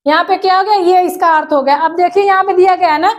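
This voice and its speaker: Female teacher, very high pitch, explains step by step with rhetorical questions and slow read-out definitions. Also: fairly even intonation. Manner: reads definitions slowly. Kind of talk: exam-prep language lesson.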